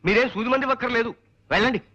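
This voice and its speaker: A man's voice: very high voice, fast talker, pushed and bright, heavily acted. An actor playing a grumpy, hard-of-hearing old man who mishears everything and scolds people in a cranky way. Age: older. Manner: cranky, scolding, snaps back at every question. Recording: dull lo-fi film soundtrack.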